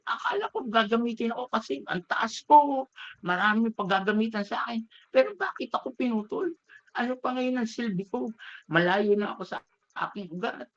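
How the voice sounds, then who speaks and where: Brief: man playing a hurt, questioning bamboo in a spoken parable, higher voice. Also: lively intonation, measured pace, long pauses, muffled recording. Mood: indignant. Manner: pleading rhetorical questions. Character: bamboo plant, grieving and indignant.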